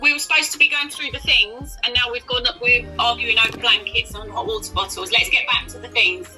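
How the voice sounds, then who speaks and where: A woman's voice: fairly high pitch, steady tone, fairly quick, pushed and bright, faint music behind, poor audio. A woman vlogger chatting casually with her partner.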